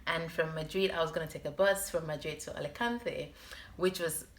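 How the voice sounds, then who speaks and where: A woman's voice: deep voice, normal speed. Young woman vlogger with a sore-throat voice. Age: young adult. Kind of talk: casual personal storytime to camera.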